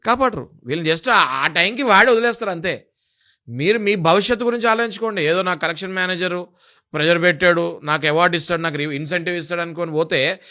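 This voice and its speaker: A man's voice: high-pitched, pushed and bright. A man being interviewed, explaining legal rights in an emphatic, lecturing way and listing legal sections.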